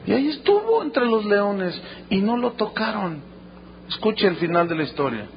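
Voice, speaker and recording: Animated Mexican pastor preaching, high-pitched. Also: male voice, moderate pace, muffled recording, a little hiss or hum. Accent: Mexican Spanish. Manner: animated storytelling, dramatic quoted dialogue. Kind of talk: sermon.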